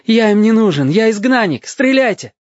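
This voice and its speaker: A man's voice: high voice, animated, brisk, slightly rough, dry recording, pitched above the performer's own voice. A man voicing a scared but defiant young boy with a ringing voice, in an audiobook reading. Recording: dull, dry audiobook recording.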